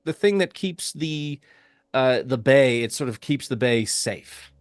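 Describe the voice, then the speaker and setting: Halting male game master, mid-pitched. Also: expressive. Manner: halting, full of fillers and restarts. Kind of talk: narrating a tabletop game.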